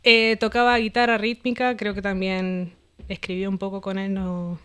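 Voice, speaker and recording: A woman born in Argentina and raised in Brooklyn, a DJ and producer chatting casually as an interview guest, relaxed and quick to agree. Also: mid-range voice, crowd noise. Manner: relaxed, repeats "sí, sí, sí", chuckles between phrases.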